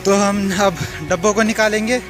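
A young adult man from the Uttarakhand hills of northern India narrates a casual travel vlog over music, chatting directly to viewers in a high-pitched, flat voice at a moderate pace. He films on a handheld phone at arm's length, outdoors on hill roads and inside a car.

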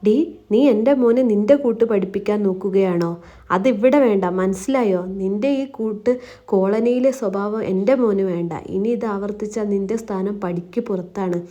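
A woman's voice: medium pitch, normal speed, dark tone, natural voice. A woman voicing a harsh, contemptuous young husband who scolds in a raised voice. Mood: scolding.

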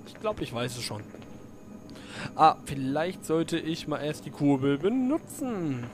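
A man with a fairly high, animated voice talks a little slowly while playing a video game, cracking jokes and addressing the on-screen characters in casual let's-play commentary. Game music plays behind him, making the background noisy.

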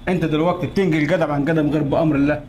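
A man's voice: fairly high pitch, steady tone, rapid-fire, a little mellow, slight background noise, natural voice. A man playing a middle-aged Egyptian father who lectures and scolds his grown children in a comedy sketch. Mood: stern. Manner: lecturing, reproachful.

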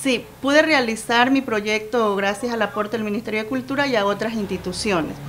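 A woman's voice: a little high, normal speed, fairly bright tone, a little hiss or hum. Woman organizer giving formal thanks. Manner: formal, grateful. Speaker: festival organizer interviewee. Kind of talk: interview answer.

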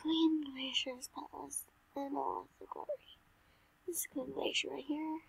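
A woman casually showing off a game build in a soft, often whispered voice, hesitant with fillers. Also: sits high, steady tone, normal speed, gravelly, rough recording. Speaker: video creator.

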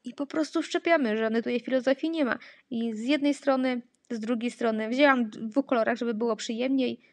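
A woman giving a casual voice-over for a craft tutorial, explaining how she makes reading materials for a child she teaches, with many fillers and pauses. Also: a little high, steady tone, no echo. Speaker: therapist making reading materials.

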